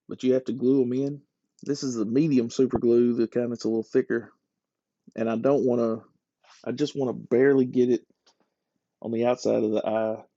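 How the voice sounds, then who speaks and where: A man with a mellow, darkish voice chats through a hobby craft tutorial, joking at his own expense. The sound is dry and close with no room around it, and a little dull and lo-fi. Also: medium pitch, dry recording. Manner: self-deprecating, joking, chatty. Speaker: hobby lure carver. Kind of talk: casual voice-over tutorial.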